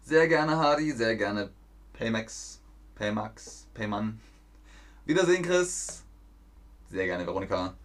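A man teaching German on a live stream, telling a simple story clearly for learners, asking viewers questions and reading out the chat. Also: on the low side, expressive, a little slow.

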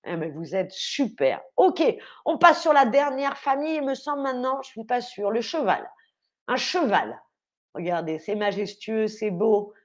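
A young woman teaching French on a livestream, speaking slowly and clearly, spelling words out letter by letter and cheering on viewers. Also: a little high, very animated. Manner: upbeat, encouraging, quizzes viewers. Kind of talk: live online vocabulary lesson.

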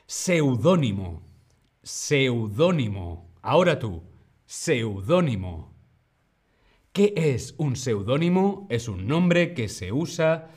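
A man teaching pronunciation in a live stream, slow and patient, repeating words for viewers to echo and reassuring them by name. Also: medium pitch.

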